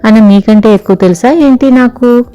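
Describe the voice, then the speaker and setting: A woman voicing a soft-spoken, patient middle-aged wife in an audio story, with a kindly but firm way of talking. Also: on the high side, normal speed, highs cut off, faint music behind, pitched above the performer's own voice, close to an everyday voice. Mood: gentle coaxing.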